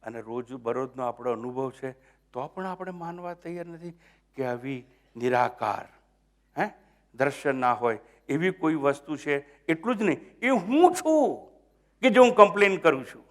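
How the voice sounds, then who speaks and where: A high-voiced older swami with a Gujarati accent delivers a sermon. He drops to near murmurs, then rises to loud, emphatic points. He keeps quizzing his listeners and mixes English phrases into his talk. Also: lively intonation, normal speed. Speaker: swami giving a spiritual discourse.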